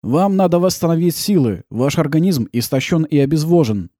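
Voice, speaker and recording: A man voicing a calm, laconic male driver in an audiobook, answering slowly and flatly. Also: on the high side, no echo, studio quality, pitched above the performer's own voice, close to an everyday voice. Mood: calm, matter-of-fact. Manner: calm, slow, unhurried replies.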